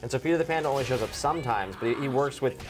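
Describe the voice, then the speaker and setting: A man's voice: mid-range voice, very fast, music in the background. Male voice actor, enthusiastic casual talker, medium voice, self-interrupting. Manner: enthusiastic, talks in restarts.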